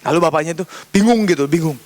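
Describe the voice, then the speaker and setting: At a church youth service, a young youth pastor gives a casual sermon, telling a story and acting out the dialogue in a chatty way. He talks fast in a slightly high voice.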